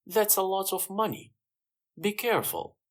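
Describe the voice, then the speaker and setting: A narrator voicing a sly man who turns out to be a thief, with sudden pitch jumps. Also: animated, moderate pace, close to an everyday voice. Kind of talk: graded-reader story voice.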